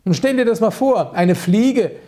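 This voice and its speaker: A man's voice: medium pitch, moderate pace, dark tone, natural voice. A man reading aloud plays an eccentric, temperamental music director who talks in a theatrical, capricious way, sometimes scolding, sometimes playful. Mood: teasing.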